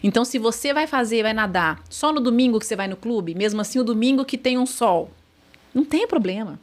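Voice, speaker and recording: A woman's voice: fairly high pitch, expressive, fairly quick. A Brazilian woman speaks as a dentist guest on a casual podcast. She explains things patiently, leaning on everyday examples and repeating her key points for emphasis. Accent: Brazilian Portuguese.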